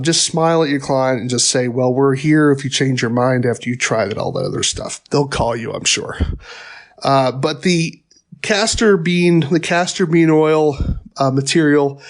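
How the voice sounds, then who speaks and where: A middle-aged man giving a pest control training talk in a conversational way, with wry asides and frequent fillers and restarts. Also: mid-range voice. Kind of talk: instructional podcast talk.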